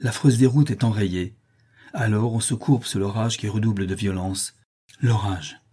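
A male audiobook reader with a low, husky and dark voice. He narrates the story with dramatic, heightened delivery. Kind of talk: scripted narration.

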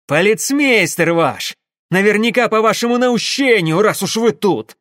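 Guy doing a wild-eyed engineer yelling his head off, higher than his own voice, super dry. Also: animated, normal speed, no room sound. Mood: furious. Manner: shouting, frantic. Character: desperate wounded male engineer, furious and hysterical.

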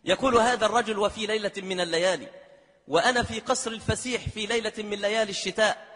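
A man's voice: sits high, fairly even intonation, fast, a bit bright. A man preaching an emotional sermon as a story, often slipping into melodic chanting. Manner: dramatic, slides into melodic chanting of verses. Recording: long hall reverb with music behind.

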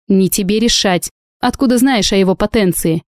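Sharp and indignant, a woman plays a protective friend at a moderate pace with a mid-range voice. It's pitched higher than her natural voice but still near everyday speech, in a dry, studio-quality recording.

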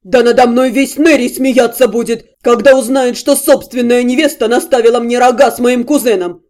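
A woman doing an outraged jilted nobleman, loud, whiny, slightly lowered voice, mellow tone. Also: fairly even intonation, normal speed, natural voice. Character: indignant young nobleman, jilted ex-fiancé. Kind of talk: audiobook character reading.

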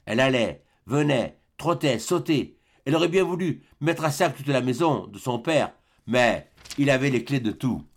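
Brief: male audiobook narrator, mid-range voice, measured literary reading. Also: medium pitch, expressive. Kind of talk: scripted narration of a classic novel.

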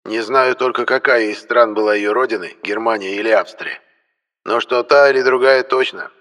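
A man's voice: mid-range voice, steady tone, moderate pace, sharp tone, voice pushed up, lightly acted. A male narrator voicing a genial, courteous elderly antique dealer who explains things at length. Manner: courteous, lecturing, pleased with himself.

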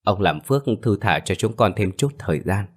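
A man's voice: fairly low pitch, animated, brisk. Man voicing a stammering pleading peasant wife. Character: poor frightened peasant wife, middle-aged woman. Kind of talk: audio story acting.

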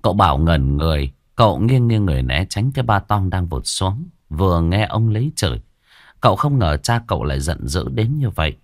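A man tells a ghost story in a deep voice, with dramatic storytelling and lively swings in pitch. The recording is close and dry. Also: a little fast, dry recording.

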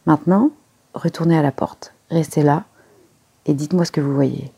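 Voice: medium pitch, moderate pace, dark tone, husky. A reader voicing a fussy, self-satisfied little male detective who coaxes and explains with precise, playful instructions. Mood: demonstrating. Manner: precise, coaxing, fond of little jokes.

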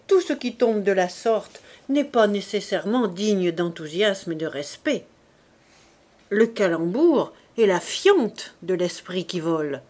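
A woman's voice: mid-range voice, darkish tone. A woman reading an audiobook, voicing a pompous young man who lectures his friends in grand, sententious phrases.

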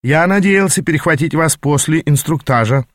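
A man voicing a smooth, ingratiating male army treasurer with a polite, oily manner. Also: fairly high pitch, animated, moderate pace, no echo, clean studio sound, pitched above the performer's own voice, close to an everyday voice.

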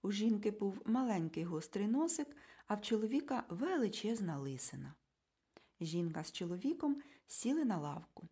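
A woman narrating a children's book in an expressive storytelling manner. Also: mid-range voice, moderate pace, husky. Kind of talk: audiobook narration.

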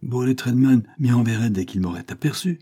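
A man voicing a frightened young man on the run, talking in an agitated, pleading, high-strung way. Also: animated, brisk, dark tone, husky. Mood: anxious.

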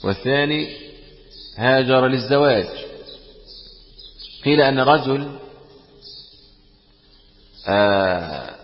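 A man's voice: mid-range voice, animated, slow, pauses often. A man teaching a religious lesson, often asking the class questions and repeating phrases. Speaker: teacher explaining hadith. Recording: echoey room, dull lo-fi sound.

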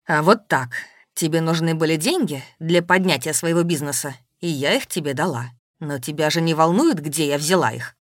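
A woman voicing a capricious, quick-tempered wealthy woman in an audiobook. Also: no room sound, studio quality. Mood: indignant. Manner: capricious and shrill.

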